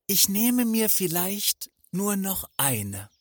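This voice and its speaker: A man voicing an excitable little girl in a fairy tale, speaking in a high, bright childlike voice. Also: takes it slowly, no room sound, clean studio sound, exaggerated voice. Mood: delighted.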